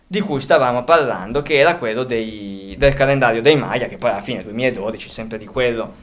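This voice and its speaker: A man co-hosting a casual podcast, speaking. He rambles in long chains of thought, restarting and correcting himself as he goes, at a middling pitch. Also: fairly quick, fairly bright tone. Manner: rambling, restarts and self-corrections while thinking aloud. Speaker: podcast co-host.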